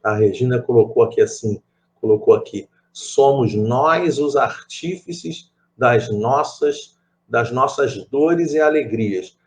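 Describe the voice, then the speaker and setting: A man's voice: medium pitch, slow. A middle-aged man with a Rio de Janeiro accent leading a spiritist study group, telling stories with many asides and repeated phrases. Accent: Rio de Janeiro Portuguese. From Brazil. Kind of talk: conversational group study talk.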